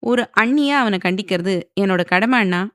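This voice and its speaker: A woman's voice: mid-range voice, moderate pace, a bit bright, no room sound, clean studio sound, natural voice. Woman voicing a firm young sister-in-law.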